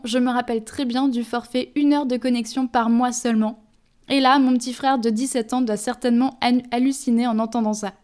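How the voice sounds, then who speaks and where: A woman's voice: on the high side, darkish tone. A young woman hosting a podcast, talking to the listener in a friendly, casual scripted way. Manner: friendly, addresses listener directly. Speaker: podcast host.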